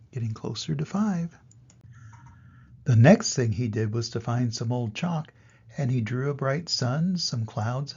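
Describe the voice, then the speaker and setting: An older man, a grandfather, reading a children's story aloud in an expressive grandpa voice to little children. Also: fairly high pitch, vocal fry, slightly rough, muffled recording.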